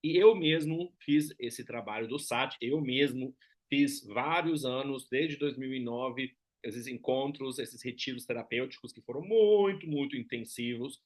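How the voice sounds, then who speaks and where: A man's voice: medium pitch, a little slow. A man from Germany with a German accent, giving an explanatory lecture as a teacher and often checking in with short tag questions. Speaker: Enneagram teacher.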